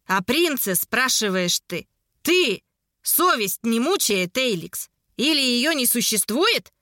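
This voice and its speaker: A hot-headed young dark sorcerer snarls and hurls insults, as a woman puts him on for an audiobook. His voice is pitched high and bright, the reading dry and close. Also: very animated, takes it slowly, no room sound, full character voice. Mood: snarling. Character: furious short dark-haired male sorcerer.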